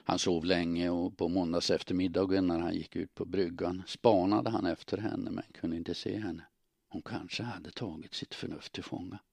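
A man narrating an audiobook in a calm, steady storytelling manner. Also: sits low, gravelly, slightly rough, no echo.

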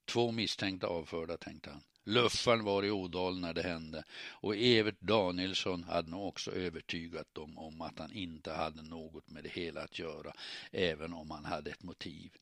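A man reading an audiobook aloud in steady, measured narration. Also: deep voice, no room sound.

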